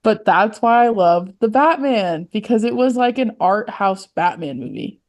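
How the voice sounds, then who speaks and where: A woman's voice: medium pitch, lively intonation, measured pace, darkish tone. Giggly, chatty young woman. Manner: chatty, giggly, rambling with many "like"s. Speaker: podcast co-host. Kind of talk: casual chat.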